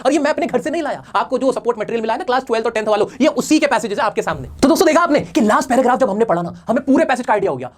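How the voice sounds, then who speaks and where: Male English tutor, exam-prep lesson, rapid-fire delivery, asks and answers his own questions, repeats key words for emphasis. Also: extremely high pitch. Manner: addresses students as "my children" and "friends". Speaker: English teacher.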